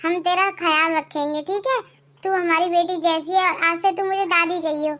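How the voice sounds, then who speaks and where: A woman's voice: extremely high pitch, fairly even intonation, moderate pace, fairly bright tone. A woman voicing a caring elderly village grandmother in a cartoon, coaxing and ending her lines with little questions. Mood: soothing. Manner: coaxing, ends with tag questions. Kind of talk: cartoon voice acting.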